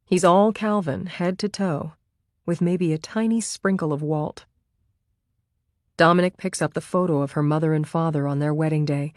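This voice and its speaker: A woman with a notably low voice reads a thriller audiobook in calm, measured narration. The recording is dry and close, with no room sound at all. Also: no room sound. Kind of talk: scripted narration.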